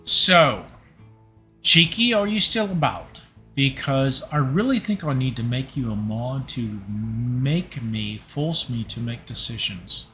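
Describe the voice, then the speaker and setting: A man's voice: mid-range voice, sing-song, slow, bright, forceful tone, faint music behind. Tipsy man rambling on a cooking stream. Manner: rambling, talks to chat viewers. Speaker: livestream host cooking. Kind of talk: casual livestream chat. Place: home kitchen.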